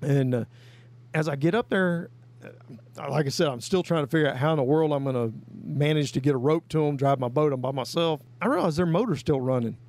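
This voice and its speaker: A man's voice: fairly high pitch, a little fast, darkish tone. A man, telling a long story in a folksy, rambling way as a guest. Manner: folksy, rambling, with many "I mean" and "you know". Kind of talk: casual storytelling.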